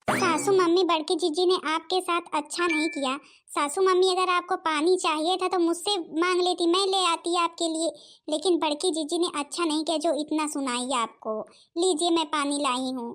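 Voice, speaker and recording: A woman voicing a sly young daughter-in-law in a cartoon, flattering in a sugary tone. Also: extremely high pitch, normal speed. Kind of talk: Hindi cartoon voice acting.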